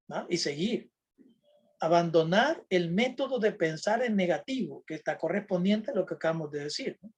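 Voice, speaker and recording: A man's voice: high voice, husky. A man giving a lecture on critical thinking to a religious group, checking in with his listeners through constant tag questions and plain everyday examples.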